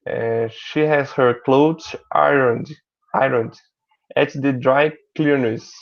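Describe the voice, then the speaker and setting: Slow careful student on muffled call. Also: male voice, mid-range voice, fairly even intonation, creaky. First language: Portuguese. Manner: careful reading, repeats words.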